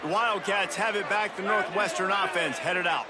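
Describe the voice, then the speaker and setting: An American man calling football play-by-play, with excited, drawn-out touchdown calls. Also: high voice, heavy background noise. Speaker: play-by-play announcer.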